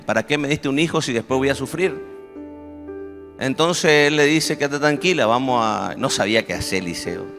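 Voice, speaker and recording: A pastor with a Rioplatense Spanish accent, telling a story in his sermon and building to impassioned shouting. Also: medium pitch, in a large hall.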